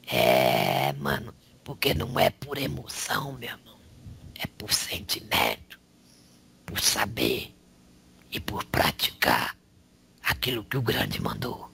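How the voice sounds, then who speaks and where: A man channeling a male spirit who preaches in a slangy, raspy whisper, tagging lines with rhetorical questions. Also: low-pitched, wildly swooping pitch, slow pace, long pauses, bright, forceful tone, exaggerated voice. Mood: preaching. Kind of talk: spiritual counsel.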